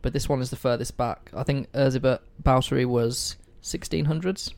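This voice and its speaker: A man with a mid-range, slightly dark voice and some vocal fry talks at a moderate pace while hosting a casual history podcast from a room at home, with pets around and food on the table. He jokes at his own expense and swears casually now and then, recorded on a poor-quality mic.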